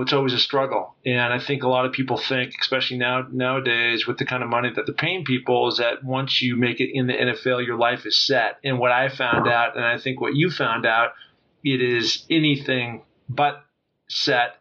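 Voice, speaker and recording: Energetic male podcast host, lo-fi sound. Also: mid-range voice. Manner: energetic, with many restarts and fillers. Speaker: podcast host and former football player. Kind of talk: casual interview talk. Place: home base in Idaho.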